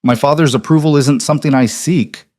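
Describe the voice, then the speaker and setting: A man voicing a guarded, middle-aged crime boss who speaks in a quiet, measured, controlled way. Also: fairly high pitch, no echo, studio quality, voice pushed up, natural voice.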